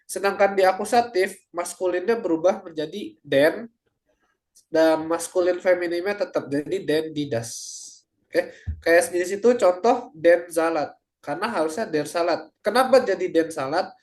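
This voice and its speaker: A man's voice: sits high, normal speed. A young adult man tutoring a German class over a video call, speaking casually with lots of hesitant fillers. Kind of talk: online class teaching.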